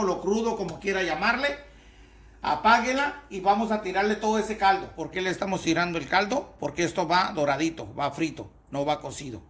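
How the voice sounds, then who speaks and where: A man's voice: sits high, fairly bright tone. A man giving a folksy cooking demonstration at his stove, coaxing the viewer step by step. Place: home kitchen by the stove. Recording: echoey kitchen with frying sizzle.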